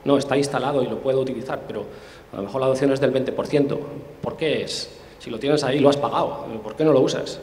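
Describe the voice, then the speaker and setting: This interview guest is a tech specialist whose medium-pitched, darkish voice moves at a fast clip. He explains things in a conversational way, thinking aloud with frequent hesitations and restarts, and the hall around him has a long, roomy reverb.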